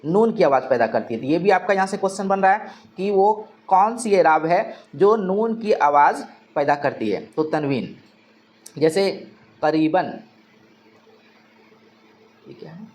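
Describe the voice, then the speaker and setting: A man's voice: sits high, animated, a little slow, long pauses, darkish tone. A male teacher giving an exam-prep grammar lesson, asking questions and answering them himself, repeating key terms.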